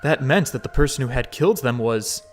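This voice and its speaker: A man reading a visual novel aloud, with expressive casual commentary and frequent swearing. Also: medium pitch, a little fast, soft background music. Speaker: game streamer.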